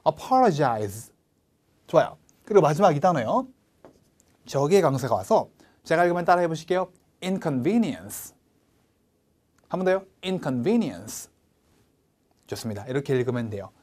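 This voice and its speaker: Man, online test-prep teacher, bouncy animated pitch, repeat-after-me drills. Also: fast. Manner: energetic, drills students with call-and-repeat pronunciation. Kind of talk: online lecture.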